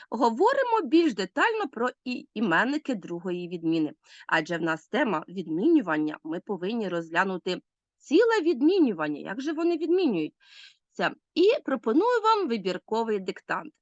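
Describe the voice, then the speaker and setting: A woman teacher giving a recorded school lesson, speaking clearly and instructively. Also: medium pitch, no echo. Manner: clear, instructive, lively intonation.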